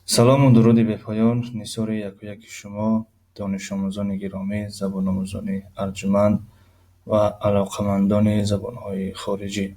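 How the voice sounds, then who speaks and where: Tajik man teaching english, low gravelly voice, slow repeats with lots of fillers. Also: completely flat delivery, warm tone. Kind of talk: recorded grammar lesson.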